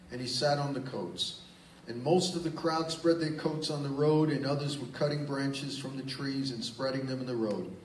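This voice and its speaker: A pastor preaches a sermon in a church sanctuary, reading scripture aloud and then explaining it in plain, emphatic asides. His voice is medium-pitched with slight background noise, captured by a distant mic with roomy church sound and faint ambience.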